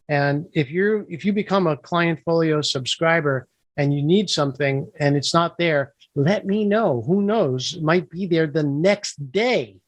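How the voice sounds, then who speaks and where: A man's voice: a little high, dry recording. A man who is a guest on a podcast, explaining his work with confident, upbeat salesmanship. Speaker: guest, software founder. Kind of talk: interview explanation.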